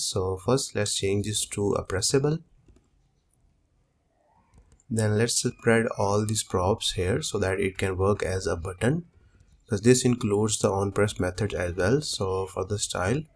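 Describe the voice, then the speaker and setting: A young man hosting a coding tutorial, explaining each step steadily over a screen recording. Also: on the low side.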